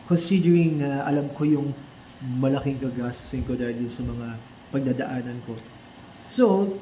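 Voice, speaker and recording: A man's voice: fairly high pitch, mellow. A man with a Filipino accent telling his own story in a casual, chatty way, mixing English into Tagalog with many fillers and restarts. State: forgetful since treatment. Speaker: vlogger recounting his cancer diagnosis. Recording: echoey room, dull lo-fi sound with faint background noise.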